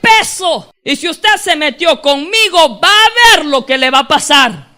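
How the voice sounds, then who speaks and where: A man's voice: extremely high pitch, animated, measured pace, pushed and bright, exaggerated voice. A man voicing an arrogant man who boasts about his family and threatens others in a sermon illustration.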